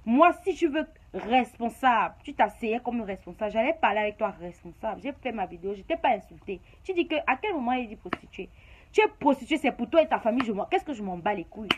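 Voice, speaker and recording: High-voiced Cameroonian woman ranting. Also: animated, fast, breathy edge. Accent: Cameroonian French. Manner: confrontational, repeats her jabs, scolding. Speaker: YouTuber. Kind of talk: heated rant to camera.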